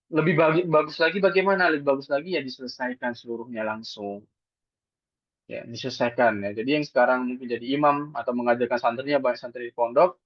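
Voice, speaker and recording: A man teaches recitation in a calm, patient way. His voice sits a little high for a man, and it comes through a dull, dry, lo-fi recording. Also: no room sound. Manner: patient, explains step by step, asks and answers his own questions. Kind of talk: online religious lesson.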